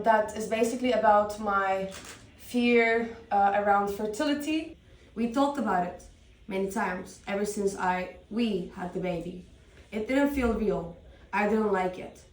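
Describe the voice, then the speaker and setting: A woman's voice: mid-range voice, measured pace. A woman from Turkey speaking to an audience, hesitant with many ums, then reading a personal story. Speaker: event speaker. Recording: echoey room, from far off, faint noise.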